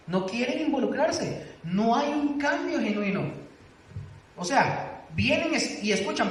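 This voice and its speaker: A man teaches a church doctrine class, earnestly exhorting his listeners and frequently asking them questions. His voice sits high with a fairly bright tone, captured by a distant mic in an echoey room with faint noise.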